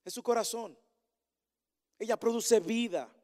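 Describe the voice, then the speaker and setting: A man preaching a sermon as pastor to his congregation, with insistent repeated refrains and questions, swinging between emphatic calls and soft, earnest asides. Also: very high voice, a little slow. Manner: repetitive rhetorical refrains and direct questions to the congregation. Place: church meeting hall with a congregation. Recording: long hall reverb.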